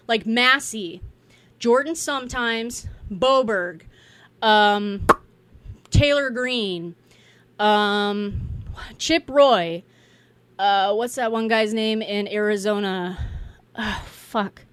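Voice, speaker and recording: A woman's voice: on the high side, no echo. A woman giving a blunt, profane, exasperated political rant in a casual, unscripted way. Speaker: political commentator.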